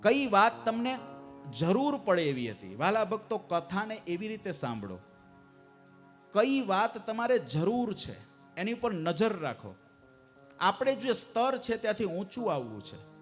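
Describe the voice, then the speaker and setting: A man preaching a devotional sermon to a live assembly, asking the audience questions and urging them to answer louder. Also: high-pitched, big pitch swings, unhurried, faint music behind. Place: temple assembly hall.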